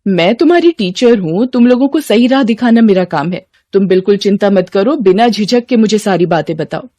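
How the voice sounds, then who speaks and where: A woman's voice: mid-range voice, lively intonation, brisk, dark tone, no echo, lightly acted. A woman voicing a stern but caring schoolteacher in a cartoon, speaking in a firm, lecturing manner. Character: adult female teacher, stern and caring.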